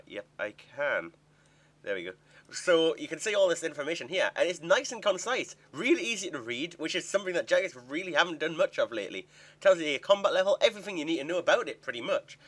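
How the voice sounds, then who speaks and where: A man's voice: medium pitch, fairly bright tone. Chatty young man narrating a screen recording. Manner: chatty, thinking aloud while clicking through a website. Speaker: gaming video creator. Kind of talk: casual screen-recorded commentary.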